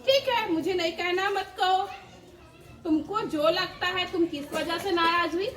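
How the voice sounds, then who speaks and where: A woman doing a gentle coaxing father. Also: extremely high pitch, measured pace. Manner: patient, coaxing. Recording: echoey hall from far off, children around.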